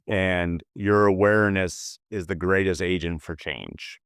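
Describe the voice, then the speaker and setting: A man co-hosting a motivational talk, earnest and full of fillers and restarts, a little hoarse as he loses his voice. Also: low voice, no room sound, studio quality. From California. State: losing his voice a bit. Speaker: podcast co-host.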